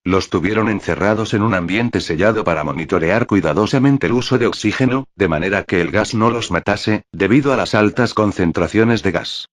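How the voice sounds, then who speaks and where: A man narrating a creepypasta horror story in a steady, measured way. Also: fairly low pitch.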